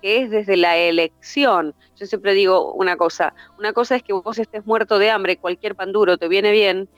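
A woman's voice: medium pitch, steady tone, moderate pace, no room sound, faint music behind. A woman who runs workshops, talking in a flowing, teacherly way and building her points through lists. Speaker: workshop facilitator. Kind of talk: reflective conversation. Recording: dull lo-fi sound.

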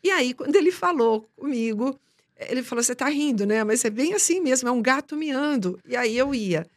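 Fast-talking woman telling stories. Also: high voice. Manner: talks fast and nonstop, animated anecdotes. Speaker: journalist and TV presenter, guest. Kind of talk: casual podcast interview storytelling.

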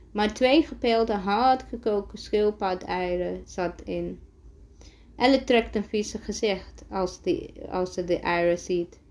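A woman reading a children's picture book aloud, carefully, often stopping and restarting words. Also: medium pitch. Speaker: storyteller.

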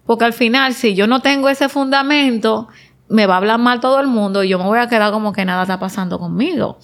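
A woman's voice: on the high side, quick pace. A woman guest on a podcast interview, talking earnestly and reflectively, driving points home with repeated short phrases.

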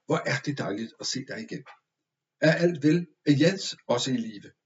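A man voicing an excitable, relieved count, calling out loudly and eagerly. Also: medium pitch, lo-fi sound, close to an everyday voice. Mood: eager relief.

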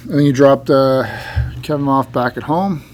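A man co-hosting a podcast, chatting casually in a halting, deadpan joking way over a laptop fan. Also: mid-range voice, poor audio. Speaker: podcast co-host. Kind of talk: casual banter between friends. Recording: laptop fan hum behind voice. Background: loud computer fan.

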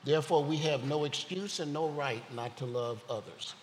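A man's voice: a little high, moderate pace. A man giving a sermon as a guest speaker, telling personal stories in an earnest way. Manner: earnest, personal storytelling preacher. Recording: long hall reverb with faint ambient noise.

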